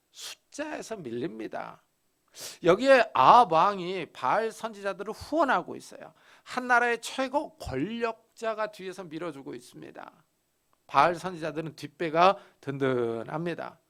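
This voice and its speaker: Gravelly high-voiced Korean pastor preaching. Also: male voice, a bit bright. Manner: storytelling, dramatic pauses and emphasis. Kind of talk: expository sermon.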